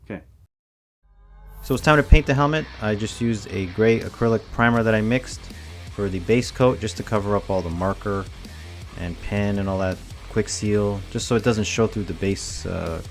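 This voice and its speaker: A man in his thirties with a fairly low voice walks through each craft step in a relaxed, matter-of-fact way. It is a casual tutorial voice-over. Faint music plays underneath. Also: normal speed. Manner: relaxed, plain step-by-step explaining. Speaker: cosplay prop maker. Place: home workshop, indoors.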